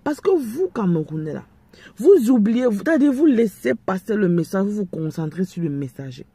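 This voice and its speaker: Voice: medium pitch, very animated, normal speed, mellow, husky, no room sound. A speaker with an Ivorian French accent giving preachy, confrontational commentary straight to the viewers. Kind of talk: direct-to-camera commentary.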